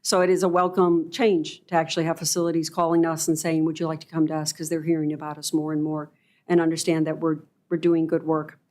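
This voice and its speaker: A woman giving a formal prepared presentation to a board as a school representative, in deliberate, measured phrases. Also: sits low, little pitch movement, darkish tone.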